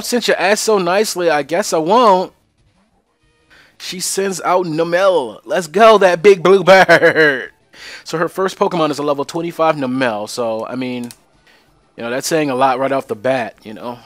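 This let's play host is a young man with a slightly high, fairly bright voice who talks to his viewers and cracks jokes while commentating on his game. The recording has no echo.

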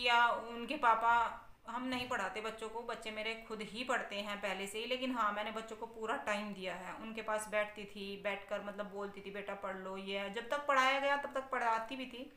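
A chatty woman from India talks casually to her viewers in a home vlog, in a somewhat high, bright voice. Her talk is recorded in an echoey room. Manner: chatty, conversational, asks viewers for opinions. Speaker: family vlogger, mother of sons.

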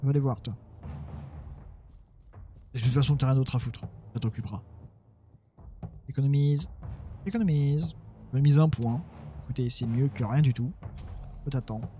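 A man's voice: mid-range voice, fairly even intonation, moderate pace, pauses often, warm tone, slight background noise. A man casually commenting on his own strategy game, talking to his units and mocking himself. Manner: muttering, self-mocking, talks to his units. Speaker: let's play gamer.

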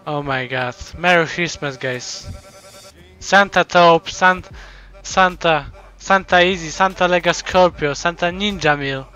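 Bright-voiced excitable male streamer. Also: fairly high pitch, unhurried, clear, resonant tone, rough recording. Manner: stumbling, repeats words while talking; warm, thankful, excited. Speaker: live streamer. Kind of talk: casual live-stream chat.

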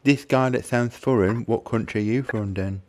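A man's voice: on the low side, normal speed, darkish tone. A man, livestreaming a role-play game, brash and sweary as he jokes and reacts to his chat from his own room. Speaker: livestreaming gamer. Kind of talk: live gaming commentary and banter.

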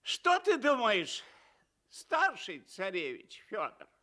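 An old fairy-tale tsar in a Russian radio play. The voice is very high and sharp, swinging widely as this fond father pleads theatrically in drawn-out phrases. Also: wildly swooping pitch, full character voice. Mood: fond, pleading. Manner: theatrical, drawn-out, swooping delivery.

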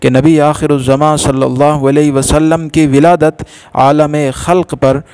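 A man narrating a religious story in a measured, formal storytelling manner. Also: a little high, little pitch movement, darkish tone, smooth, no echo.

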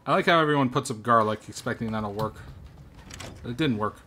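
A man hosting a horror game playthrough in a bright, sharp voice. He mutters and grumbles to himself, swears freely, and now and then bursts into a startled shout. A faint hiss sits behind him. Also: medium pitch, fairly quick. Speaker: host. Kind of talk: profane gaming commentary.

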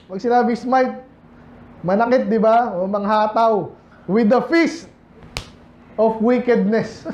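A man's voice: extremely high pitch, a little mellow, a little hiss or hum. A Filipino man preaching a casual, conversational sermon to his congregation, often asking them rhetorical questions. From Philippines. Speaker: pastor. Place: church sanctuary. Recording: echoey church hall, slightly dull sound.

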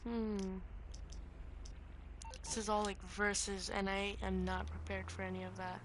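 A woman doing casual gameplay commentary, thinking aloud into a cheap, breathy-sounding microphone. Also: medium pitch, level tone, unhurried. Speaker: gaming video host. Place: bedroom, lying in bed. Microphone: cheap, poor-quality microphone. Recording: noisy cheap mic, breathing audible.

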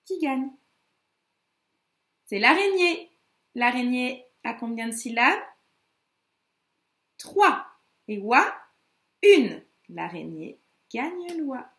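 A woman teacher with a high, lively voice talks slowly to small children, tapping out each word syllable by syllable in a sing-song way. The room around her is echoey. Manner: slow, syllable-by-syllable counting with sing-song emphasis. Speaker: kindergarten teacher.

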